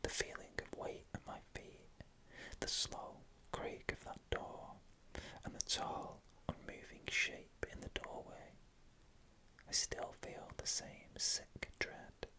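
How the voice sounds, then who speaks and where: A person whispering scary first-person stories in a hushed, unvoiced ASMR narration from start to finish. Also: slow pace. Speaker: storyteller.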